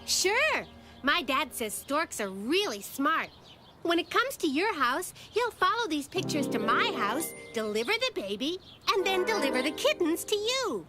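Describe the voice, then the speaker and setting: A woman voicing a bright, chatty, quick-witted little girl in a children's cartoon, telling things in an animated, wisecracking way. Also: high voice, over music. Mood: eager.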